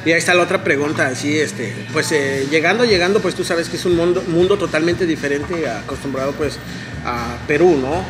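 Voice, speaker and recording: This vlog host, a man in his thirties, chats casually in an indoor café at night, cracking jokes and cursing frequently in a Mexican Spanish accent. His fairly high voice moves fairly quickly over music.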